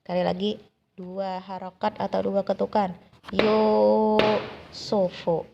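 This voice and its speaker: A woman's voice: medium pitch, fairly even intonation, takes it slowly, gravelly, lo-fi sound, background noise. An Indonesian woman teaching a lesson on Quranic long vowels, patiently repeating each example and drawing out the long sounds.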